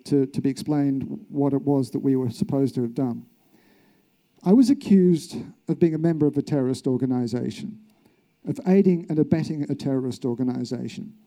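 A man's voice: fairly high pitch, dark tone. An Australian journalist, a man, telling his own story in an earnest, reflective way, with rhetorical questions. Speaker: journalist, speaker. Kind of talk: recounted personal story, public talk.

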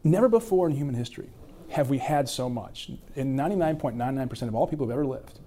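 A man's voice: mid-range voice, lively intonation, fast talker, warm tone. A man hosting an interview, asking long rambling questions with restarts. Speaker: interviewer, host. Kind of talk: conversational interview.

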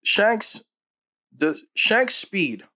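A man co-hosting a casual podcast chat, agreeable and quick to echo his partner with short affirmations. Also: high-pitched, very animated, sharp tone. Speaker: podcast co-host.

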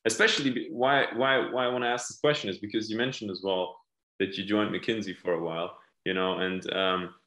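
Male podcast host, somewhat low voice, loose filler-laden interviewer, echoey room. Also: steady tone, a little fast, bright, forceful tone. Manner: rambling questions full of fillers. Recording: roomy echo.

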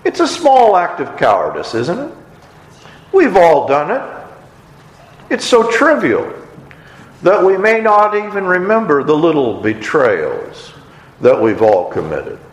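Man, sermon, animated pitch, slightly high voice, long hall reverb. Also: a little slow, long pauses. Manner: expressive storytelling, acting out quoted lines. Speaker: preacher. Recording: echoey hall.

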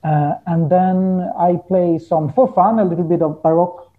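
A high-pitched man speaks at a moderate pace with a steady tone, the sound narrow and tinny. He's a folk musician appearing as a guest in a casual interview, pausing to find words in his non-native English.

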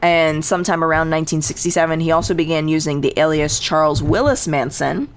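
Woman, low voice, casual storytelling, wry sarcastic asides, podcast co-host. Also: brisk. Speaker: podcast co-host telling a true crime story.

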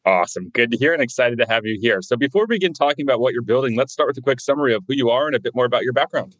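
A man's voice: medium pitch, animated, very fast, a bit bright, no echo, rough recording. A man hosting an interview podcast, upbeat and asking short follow-up questions. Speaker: podcast host.

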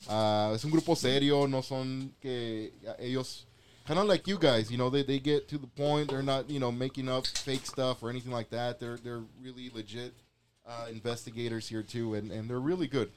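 A man's voice: mid-range voice, steady tone, moderate pace, slight background noise. Man hosting a casual bilingual chat. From Mexico. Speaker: host. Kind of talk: bilingual casual interview, switching between Spanish and English.

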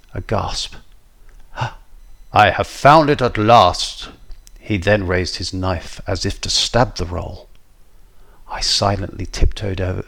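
A man reading a children's story aloud as guest narrator, in a lively, expressive way. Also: sits low, gravelly, breathy edge.

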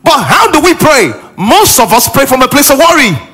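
A man's voice: very high voice, sing-song, moderate pace, pushed and bright. A male pastor preaching a sermon with emphasis, repeating key lines and acting out what people say.

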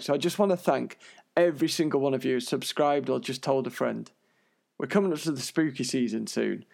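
Wheezy British man with a creaky voice. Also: mid-range voice, a little mellow. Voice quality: wheezy, audibly breathy from illness. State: unwell, wheezy breathing. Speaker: podcast host. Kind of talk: chatty scripted podcast monologue.

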